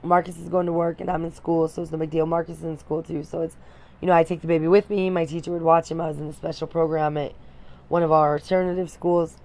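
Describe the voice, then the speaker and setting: A young woman telling a personal story to her viewers, candid and emotional, often pausing and restarting her sentences. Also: low voice, flat delivery, warm tone. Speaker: vlogger.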